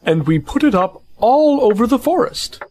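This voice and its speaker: A man's voice: extremely high pitch, very animated, moderate pace, darkish tone. A man voicing a pompous, long-winded old male owl in an amateur family audio drama. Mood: proud. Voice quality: fussy, long-winded, self-important.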